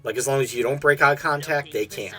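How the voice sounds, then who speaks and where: A man's voice: medium pitch, a little fast, bright, forceful tone, low-quality recording. A man casually chatting during a film viewing, offering dry, matter-of-fact comments. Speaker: movie reaction co-host. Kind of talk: casual chat while watching a film.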